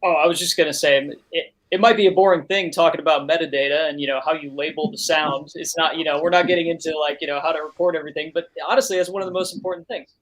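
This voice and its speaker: A man guesting on a livestream talks casually about his work as a recordist. His voice sits a little high, and he restarts sentences often and fills gaps with "uh" and "you know.". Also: steady tone, fast, few pauses, a bit bright. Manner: rambling, many restarts and fillers. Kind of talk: casual anecdote.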